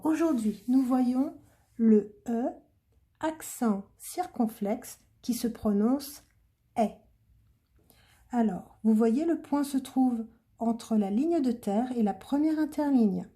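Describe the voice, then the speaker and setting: A woman teacher slowly and patiently talking children through handwriting letter by letter, in a clear step-by-step way. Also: a little high, dark tone. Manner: slow, patient, clearly articulated dictation. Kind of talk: handwriting lesson, step-by-step instruction.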